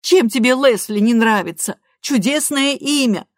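Fretful tearful storybook mother, a little higher and louder than the narration, voiced by a woman reader, dry close sound. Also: measured pace, dry recording, natural voice. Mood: shocked. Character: worried, tearful middle-aged mother. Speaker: audiobook reader. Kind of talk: audiobook character voice.

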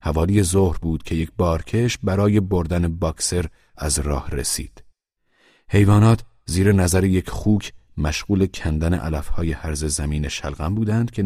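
A man narrating a storybook in a measured, grave, dramatic way. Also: sits low, mellow, no room sound, studio quality. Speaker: audiobook narrator.

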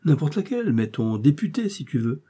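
A man voicing a witty, ironic gentleman friend who teases in a light, mocking way. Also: fairly high pitch, sing-song, fairly quick, breathy edge, pitched above the performer's own voice. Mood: teasing. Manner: teasing, ironic.

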